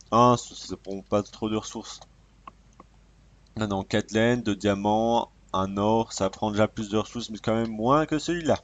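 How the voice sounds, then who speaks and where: A man casually commenting while showing off a game mod, joking and swearing as he plays, recorded on a cheap microphone. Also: fairly low pitch. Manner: casual and profane, joking, mutters to himself while playing. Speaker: gamer showcasing a mod. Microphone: cheap desk microphone. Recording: cheap mic with faint background noise. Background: keyboard clicks and typing.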